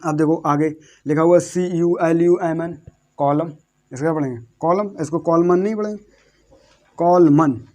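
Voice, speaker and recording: With a slightly fast, somewhat mellow voice on the high side, a man teaches English in a classroom-style lesson. He tends to repeat things, spells out words one letter at a time, and answers the questions he puts to his viewers.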